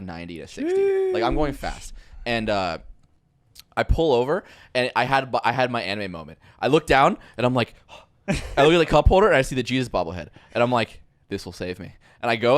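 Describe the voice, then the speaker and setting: A man's voice: on the low side, dry recording. A young man co-hosting a podcast, telling a long story in a rambling, laughing way. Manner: rambling, laughs through his stories. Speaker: podcast co-host. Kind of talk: casual chat, storytelling.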